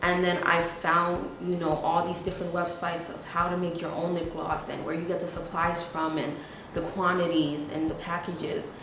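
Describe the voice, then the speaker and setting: A woman's voice: lowish voice, level tone, normal speed, background noise. A woman, telling the story of founding her business in a casual, chatty documentary interview with frequent "like" and "you know". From New York, USA. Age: 20s. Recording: very echoey room.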